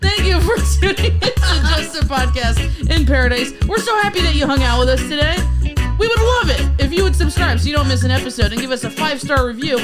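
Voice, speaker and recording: A woman's voice: sits high, expressive, fairly quick, over loud music. A woman co-hosting a podcast, chatting casually and signing off in an upbeat, jokey way. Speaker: podcast co-host.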